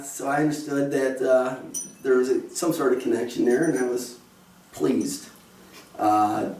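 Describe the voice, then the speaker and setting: A middle-aged man officiates his son's wedding, spinning jokey anecdotes and chuckling as he goes. His voice sits at an ordinary pitch and echoes through a roomy venue. He sounds set back from the mic, with a faint hum of ambience behind him. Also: a little mellow, recorded from a distance. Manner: joking, anecdotal, often chuckling. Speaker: father of the groom officiating a wedding. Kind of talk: wedding speech.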